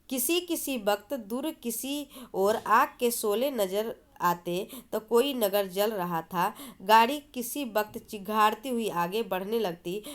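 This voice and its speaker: A woman teacher reading a story aloud and explaining it, asking and answering her own questions. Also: medium pitch. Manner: explanatory, asks and answers herself.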